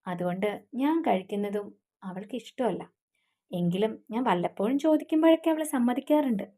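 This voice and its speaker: A woman's voice: medium pitch, lively intonation, fairly quick, mellow, lightly acted. A woman voicing an earnest young man, engaged and devoted to his fiancée, who speaks in a pleading way.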